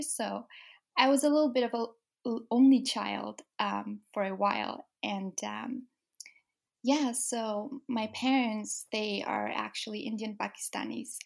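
A young woman from Denmark talks about herself as a guest author in a casual interview. Her mid-pitched voice has a gravelly, creaky edge, and she pauses often with ums and restarts. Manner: soft-spoken, many ums and restarts.

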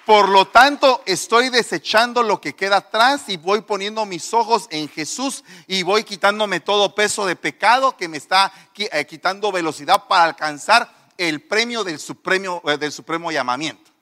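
A man preaching a sermon, emphatic and repetitive, swinging from quiet to loud. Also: sits high, moderate pace. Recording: long reverb of a large hall.

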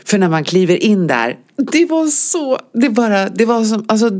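Female podcast co-host, emotive reactor, very lively melody. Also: mid-range voice. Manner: reacts with strong emotion and many short interjections. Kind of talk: casual chat.

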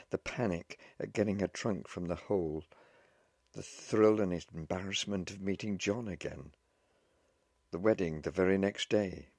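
A man narrating a story in a measured, scripted audiobook reading. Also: deep voice, vocal fry, dry recording, studio quality.

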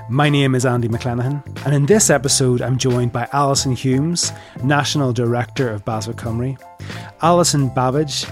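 A man with a Belfast accent, hosting a conversational interview podcast and putting questions to guests. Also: medium pitch. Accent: Northern Irish, Belfast. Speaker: podcast host.

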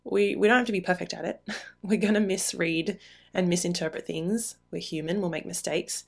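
Woman, middle-aged, podcast host, low voice, gravelly fry, earnest and encouraging, chatty solo talk. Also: steady tone, normal speed.

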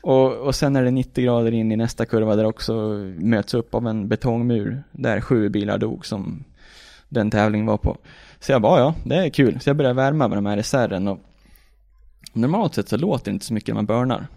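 In a studio-quality recording with no room sound, a mid-range male voice with vocal fry belongs to a racing driver chatting casually. He recounts a race with energy, reenacting his own reactions through shouts and laughs. Swearing comes easily, as do frequent uses of "liksom" and "jag bara."

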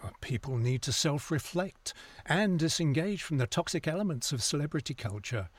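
With a fairly high, expressive voice and a breathy edge, the man again voices the sharp cultural critic on a news panel in an audio drama. He speaks at a moderate pace in a dry recording, earnest and critical, laying out his opinions articulately.

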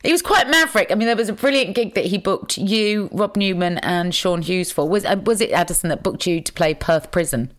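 A woman's voice: medium pitch, expressive, fairly quick, few pauses. A woman hosting a podcast and interviewing a guest with poised, structured questions. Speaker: podcast host.

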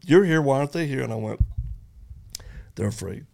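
Hosting a conversational interview, a man tells a story earnestly, quoting others and restarting often. His medium-pitched voice is expressive and brisk, with vocal fry and a darkish tone.

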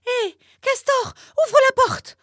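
A woman voicing a squeaky sly little tortoise. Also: expressive, a little slow, darkish tone, no room sound, studio quality. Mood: shouting. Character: small sly cheerful female tortoise. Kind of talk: storybook reading.

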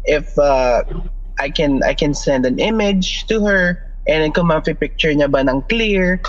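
Man explaining, halting delivery. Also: a little high. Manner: halting, restarts often, mixes Tagalog and English. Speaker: guest storyteller. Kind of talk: casual podcast chat. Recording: dull lo-fi audio with faint noise.

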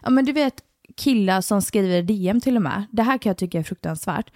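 A woman's voice: mid-range voice, lively intonation, a little mellow, dry recording, clean studio sound. A young adult woman co-hosting a podcast, reacting bluntly and swearing. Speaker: podcast co-host. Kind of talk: casual chat.

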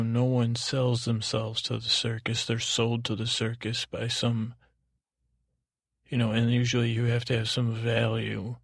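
A man hosts a sleep podcast, wandering through a meandering bedtime monologue in a soothing, lulling tone, hesitant, digressive and self-deprecating. His voice is mid-range, and the sound is clean studio audio with no room sound.

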